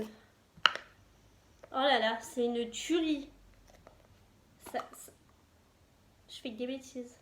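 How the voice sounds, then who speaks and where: A young woman chatting casually and enthusiastically as a beauty vlogger, with many fillers. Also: on the high side. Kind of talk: casual chat. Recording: echoey room.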